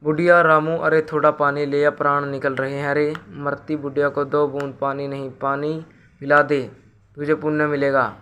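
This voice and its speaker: A man doing a sharp old village granny, scolding, bright flat tone. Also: on the high side, normal speed, a little hiss or hum. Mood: complaining. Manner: scolding, complaining.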